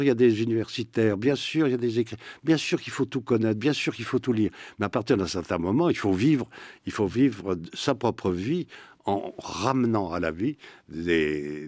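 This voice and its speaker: A man's voice: low-pitched, no room sound. A man, a writer and guest, talking animatedly about literature with many restarts. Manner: lively, many restarts and fillers. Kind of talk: animated studio conversation.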